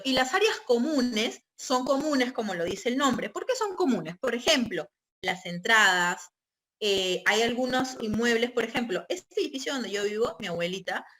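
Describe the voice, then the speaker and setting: A woman with a slightly high, fairly bright voice gives an online real estate training lecture. She explains things step by step and checks in with her listeners using tag questions.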